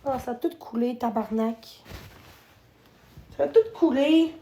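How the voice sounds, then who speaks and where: Québécois woman livestreamer, high voice, profane, repetitive rant with sudden yelling. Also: measured pace, husky. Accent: Québécois French. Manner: swears constantly, rants and repeats herself; bursts into shouting. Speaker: livestreamer answering her chat. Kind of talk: live-stream rant.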